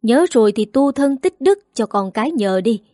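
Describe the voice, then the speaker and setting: A woman's voice: on the high side, expressive, normal speed, mellow, no room sound, clean studio sound, lightly acted. A woman voicing a cold, irritated husband who speaks curtly in a storybook. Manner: curt, scolding.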